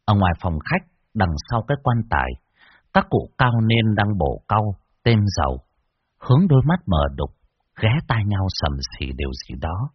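A man narrating a scripted horror story with an expressive, varied delivery. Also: lowish voice, moderate pace, slightly rough, no room sound, dull audio.

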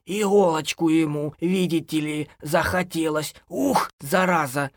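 A man reading an audiobook, voicing a bossy old grandmother who scolds in a loud, folksy way. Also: a little high, fairly even intonation, a little slow, pitched above the performer's own voice. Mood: scolding. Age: older. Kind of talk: audiobook character voice.

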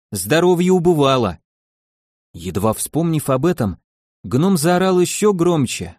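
A man narrating an audiobook with a lively, dramatic storytelling manner. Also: mid-range voice, no room sound, studio quality. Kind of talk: expressive audiobook reading.

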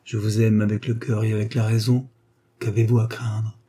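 A man reading aloud voices a devoted young woman, gentle and earnest, lifting his voice for her. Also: fairly low pitch, little pitch movement, moderate pace, natural voice. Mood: tender.

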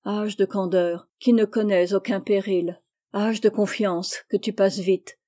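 Mellow-voiced woman reading a novel aloud. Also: medium pitch. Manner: measured, even, unhurried reading. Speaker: audiobook reader. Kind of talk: scripted literary narration.

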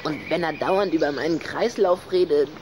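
A woman's voice: deep voice, moderate pace, background noise, natural voice. A woman playing a touchy, hot-tempered, sly little boy vampire in a German children's radio play, theatrical and scornful. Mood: indignant.

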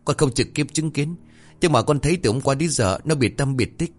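An anxious young servant, as a male narrator puts him on hurriedly reports grim news to his master. He speaks deferentially in a raised, lively voice, with faint music below. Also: mid-range voice, a little fast, pitched above the performer's own voice, close to an everyday voice.

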